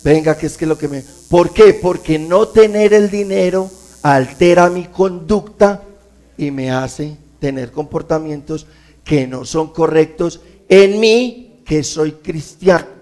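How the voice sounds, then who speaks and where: A man's voice: fairly high pitch, takes it slowly, warm tone. A man preaching a sermon in a conversational way, often checking in with his listeners. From Colombia.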